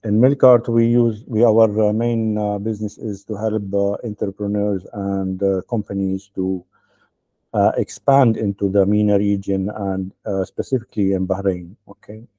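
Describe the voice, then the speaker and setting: A man from Lebanon speaks over a video call in a flat, very dark, low voice. He welcomes the group haltingly, with many fillers, and he often ends his points with "okay?". The call audio is dull and lo-fi. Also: no echo. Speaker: accelerator program founder. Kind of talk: online welcome speech.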